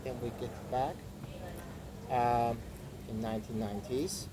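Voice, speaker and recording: A man with an Azerbaijani accent talking as a podcast guest, halting and repeating words for emphasis in a conversational way. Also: mid-range voice, fairly even intonation, a crowd in the background. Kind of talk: conversational interview storytelling. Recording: clear background vehicle-like noise.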